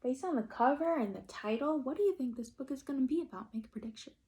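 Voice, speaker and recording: A woman reading a picture book aloud to children like a teacher, stopping to ask the listeners questions and have them make predictions. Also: high-pitched. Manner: slow and expressive, asking children questions. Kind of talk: children's read-aloud storytime.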